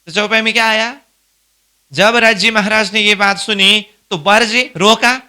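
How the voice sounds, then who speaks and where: A man with a high, very bright and sharp voice leads a devotional scripture class at an unhurried pace. He explains each verse by asking questions and then answering them himself, his tone smooth and crisp throughout. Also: steady tone. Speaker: spiritual instructor.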